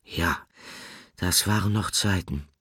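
A man voicing a small, excitable female furry animal with a squeaky, piping voice in an audiobook. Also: unhurried, husky, no echo, clean studio sound, exaggerated voice. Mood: wistful. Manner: excitable and dramatic. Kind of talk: audiobook character voice.

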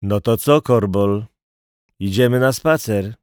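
A self-assured police commissioner with a dry, mocking tone, voiced by a male narrator in an audiobook. He speaks slowly and deliberately. The recording is close and dry. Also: lowish voice, darkish tone, smooth, no room sound.

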